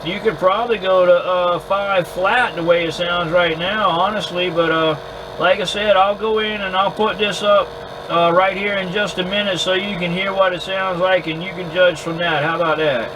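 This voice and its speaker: A man having a casual two-way radio chat in an easygoing, halting way, often repeating words as he goes. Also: high-pitched, fairly even intonation. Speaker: amateur radio operator recording contacts. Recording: clear background hum and noise.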